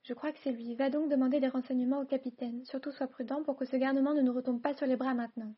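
A woman reading as a sharp, scolding mother. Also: high-pitched, steady tone, quick pace, slightly rough, muffled recording. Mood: alarmed. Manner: curt, reproachful delivery. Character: middle-aged mother, sharp, scolding, anxious.

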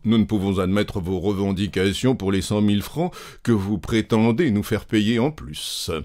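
A man's voice: fairly low pitch, normal speed, darkish tone, natural voice. A man voicing a polite, composed insurance director who speaks courteously in a sonorous tone.

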